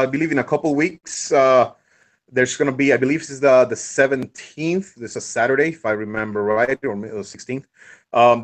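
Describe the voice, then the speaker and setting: A man working as a firearms instructor, speaking in a casual interview with frequent pauses, uhs and restarts. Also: mid-range voice. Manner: halting, many hesitations and restarts.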